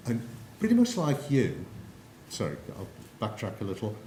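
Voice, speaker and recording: A man's voice: fairly low pitch, huge pitch swings, moderate pace, dark tone. A man with an English accent giving a conference talk, telling anecdotes and speaking directly to the audience. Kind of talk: presentation to an audience. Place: lecture room. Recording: echoey lecture room, faint noise.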